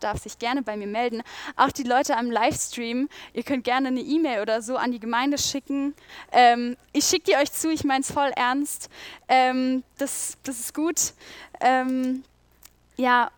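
A woman's voice: a little high, dry recording. A young woman giving a sermon in a casual, chatty and earnest way, voicing her own thoughts aloud. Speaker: preacher.

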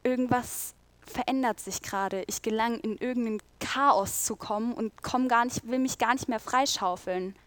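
A woman's voice: a little high, moderate pace, a bit bright, dry recording. Young woman preaching casually, dry sound. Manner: earnest, casual and chatty, with quoted inner thoughts. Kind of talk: sermon.

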